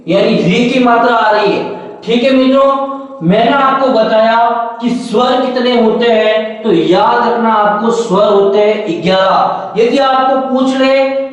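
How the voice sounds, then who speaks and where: Guy teaching slow with a really high voice, keeps asking and answering himself, super echoey room. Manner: repetitive, asks questions then answers them. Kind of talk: Hindi grammar lesson. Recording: very echoey room, mic far off.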